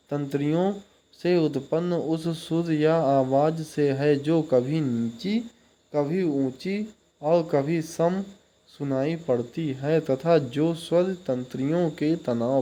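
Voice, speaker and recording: Male tutor, unhurried and soft-toned, keeps checking if you follow. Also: a little high. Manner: explains step by step, checks in with "ठीक?" often. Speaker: teacher. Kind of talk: exam-prep lecture.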